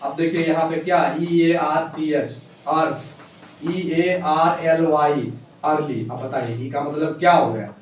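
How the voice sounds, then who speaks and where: A man teaching English pronunciation at a board, spelling words out letter by letter and slowing down for English phrases. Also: a little high, fairly even intonation. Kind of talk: whiteboard lesson explaining pronunciation. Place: classroom with a board. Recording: echoey room, voice from far off, faint noise.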